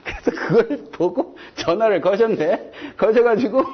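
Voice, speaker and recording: A man's voice: sits high, expressive, moderate pace, breathy edge. A man giving a chatty classroom law lecture, digressing and checking in with his students. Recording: dull lo-fi lecture recording.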